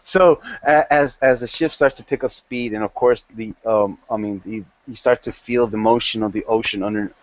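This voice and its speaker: Rambling game master, dull lo-fi. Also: male voice, lowish voice, steady tone, moderate pace, hardly any pauses. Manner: rambling, many restarts. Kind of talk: narrating a tabletop game.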